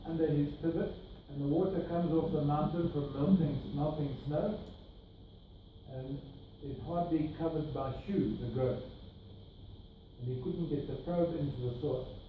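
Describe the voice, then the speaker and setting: Captured only by a distant camera without a microphone, a middle-aged man with a South African accent walks a workshop group through slides on a projector screen, pointing out details along the way. His voice is a little high and mellow, his pace measured, and the meeting room sounds echoey and noisy.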